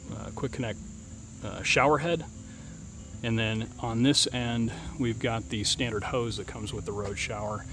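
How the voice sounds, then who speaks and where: A man showing off camping gear on his truck, talking casually with many ums and uhs, outdoors in the woods. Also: mid-range voice. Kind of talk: casual product walkthrough. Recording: outdoor recording with insect noise.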